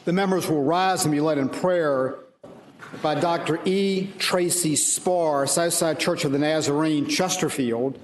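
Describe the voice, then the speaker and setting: A man's voice: a little high, measured pace. A man presiding over a legislative session, calling out business in formal parliamentary procedure. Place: large indoor legislative chamber. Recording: echoey chamber, long reverb, background noise.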